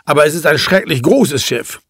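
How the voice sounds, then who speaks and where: A polite, uneasy teenage boy, as a man reads him in a storybook, spoken in a raised, earnest tone. The voice sits fairly high and the room sounds dry and close. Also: lively intonation, normal speed, fairly bright tone, breathy edge, dry recording. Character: sixteen-year-old boy, polite and uneasy.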